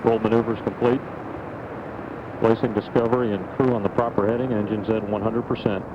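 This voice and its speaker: A man giving measured, factual mission control radio commentary on a flight's status. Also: lowish voice, flat delivery. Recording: dull feed with faint noise.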